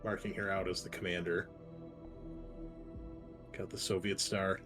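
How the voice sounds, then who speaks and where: A man with a low voice that barely rises or falls speaks at a measured pace over faint background music. He's playing a tabletop roleplaying game and chatting casually, wry and joking, and he's quick to explain the rules.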